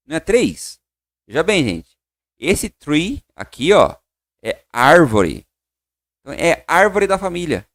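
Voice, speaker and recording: A Brazilian man teaching English online, upbeat and encouraging, drilling slow repetitions of words. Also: on the high side, no room sound, studio quality. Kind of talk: online English lesson for Portuguese speakers.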